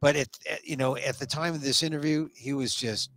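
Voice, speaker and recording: A little high and fairly bright, with fairly even intonation and a brisk pace, the voice belongs to an American man in his sixties hosting an online talk show. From a small indoor room on a headset mic, he chats casually and with opinions, rambling and starting over.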